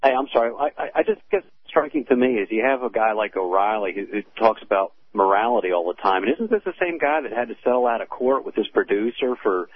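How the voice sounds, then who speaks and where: A man calling in to a talk show over a phone line, chatting casually and agreeing with quick short replies. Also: lowish voice. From Texas, USA. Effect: phone line call-in. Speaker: caller. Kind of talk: casual call-in chat. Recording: tinny phone line with faint hiss.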